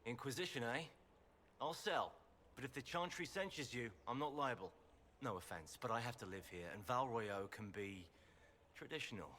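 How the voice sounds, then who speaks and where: Guy doing a cagey game shopkeeper, bright forceful voice, faint hiss behind. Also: medium pitch, moderate pace, big-room sound, natural voice. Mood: guarded. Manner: guarded, matter-of-fact. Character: wary male shopkeeper in a grand city.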